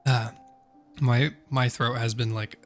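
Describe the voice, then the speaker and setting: A man's voice: medium pitch, flat delivery, slow, soft background music. A man with a slightly sore throat chatting casually on a gaming stream, rambling and correcting himself with many fillers.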